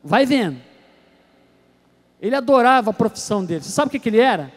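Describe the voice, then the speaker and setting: High-voiced male preacher telling stories. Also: very animated, fast. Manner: storytelling, acts out voices, swings between soft and loud. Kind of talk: sermon.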